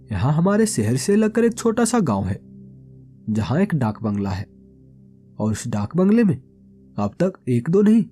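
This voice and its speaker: A man voicing a grave senior police commissioner in a horror audio story, speaking in a serious, measured way. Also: a little high, warm tone.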